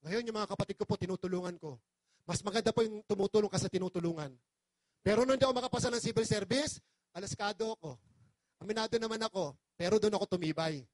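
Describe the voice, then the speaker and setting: A man from the Philippines, presenting for a business, gives an impassioned and pleading testimonial to an audience, very polite and emotional. His voice is high and fast, recorded dry.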